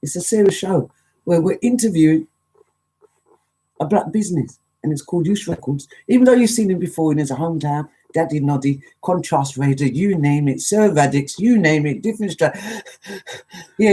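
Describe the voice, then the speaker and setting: Husky woman DJ chatting. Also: low-pitched, normal speed, poor audio. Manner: chatty, animated, jokey. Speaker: DJ and show host. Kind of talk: live show chat with listener shout-outs.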